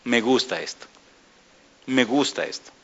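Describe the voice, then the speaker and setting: A man delivers an emphatic sermon, repeatedly questioning his congregation and shifting between soft murmurs and loud exclamations. His mid-range voice is expressive and a little slow, and the recording sounds muffled.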